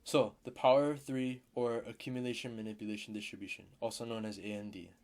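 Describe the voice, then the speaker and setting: A man's voice: lowish voice, level tone, fast, darkish tone. A man teaching a casual trading lesson as a mentor, blunt, swearing now and then and repeating key terms.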